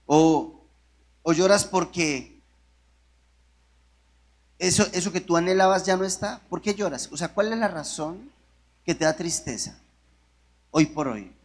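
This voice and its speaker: Man, preacher, fairly high voice, conversational sermon, keeps asking the congregation questions. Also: measured pace, pauses often. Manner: asks the congregation many rhetorical questions; conversational, with restarts and jokes.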